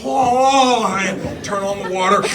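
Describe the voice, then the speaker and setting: A young man doing a self-deprecating stand-up set on a small club stage, acting out voices. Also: on the high side. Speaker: stand-up comedian. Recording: distant mic, loud crowd laughter.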